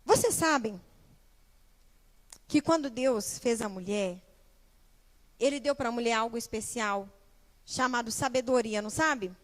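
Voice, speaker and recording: Young female preacher, high-pitched, lively delivery with questions to the congregation. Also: measured pace, long pauses. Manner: animated, speaks directly to the congregation with rhetorical questions. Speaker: guest preacher and small-group leader. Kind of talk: sermon. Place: church.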